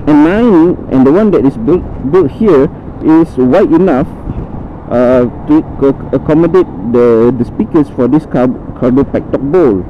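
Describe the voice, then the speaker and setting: A man talking casually while riding a motorcycle, speaking inside a full-face helmet, rambling with halting restarts and fillers. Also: fairly high pitch. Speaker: motovlogger reviewing a helmet. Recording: muffled lo-fi audio with road and wind noise.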